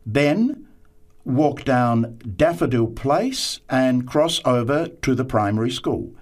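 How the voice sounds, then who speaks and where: An actor playing a helpful man who explains calmly, step by step, in a scripted dialogue. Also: mid-range voice, slow pace. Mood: helpful, reassuring. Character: helpful man calmly giving street directions. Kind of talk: scripted dialogue for a listening test.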